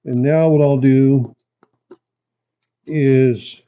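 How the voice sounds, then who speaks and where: A man's voice: medium pitch, steady tone, drawn-out words, smooth. Muffled man in a casual demonstration. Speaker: host of a rock tumbling hobby channel. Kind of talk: casual hands-on demonstration talk. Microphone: camera's built-in microphone. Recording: muffled, dull camera microphone.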